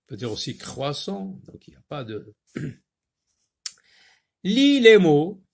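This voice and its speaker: A man's voice: medium pitch, animated, creaky, slightly rough. A man teaching a French phonics lesson to young children, drawing out and repeating sounds and words, with a North African French accent. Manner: slow, drawn-out, repeating sounds and words for pupils.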